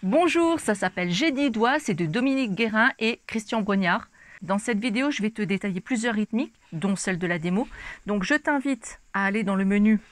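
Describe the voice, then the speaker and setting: A woman's voice: mid-range voice, animated, fairly quick, no echo. A woman teaching a ukulele lesson, explaining chords step by step and speaking casually and directly to the viewer. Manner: casual, addresses the viewer informally. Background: ukulele playing.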